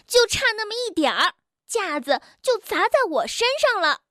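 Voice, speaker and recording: A woman voicing a small rabbit who is fussy and quick to scold, in a sharp, high voice. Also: animated, no echo, clean studio sound, exaggerated voice. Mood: annoyed.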